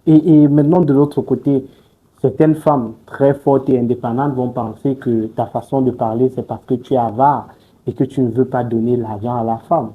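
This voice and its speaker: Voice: mid-range voice, little pitch movement, moderate pace. An interviewer asking short questions and giving brief acknowledgements. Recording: phone-like thin audio.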